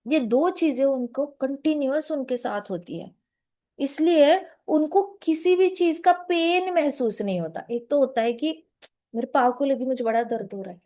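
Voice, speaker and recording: A woman gives a devotional talk, retelling a sacred story and drawing lessons from it. Her voice sits high. She slips English words into her Hindi and briefly acts out the characters' lines. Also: warm tone. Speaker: spiritual speaker.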